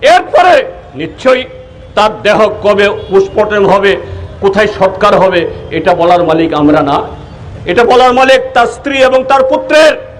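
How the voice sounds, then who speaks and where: A man, an opposition politician, gives an impassioned statement to the press outdoors near a police office, rising to high emphatic peaks. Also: very animated, moderate pace, rough recording.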